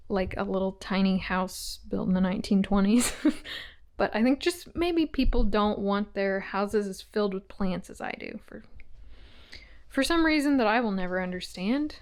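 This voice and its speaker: A woman's voice: mid-range voice, darkish tone, clear, resonant tone. A woman giving a casual tour of the houseplants in her small old house, naming each one as she walks and sometimes slipping into a whisper. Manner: chatty, names plants as she walks, drops to a whisper at times. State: out of breath. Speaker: plant vlogger.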